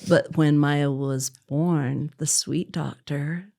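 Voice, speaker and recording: A woman's voice: low-pitched, steady tone, slow, creaky, mellow. A woman, a podcast guest and adoptive mother, telling her personal story in conversation and acting out what other people said. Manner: vivid storyteller who acts out other people's words.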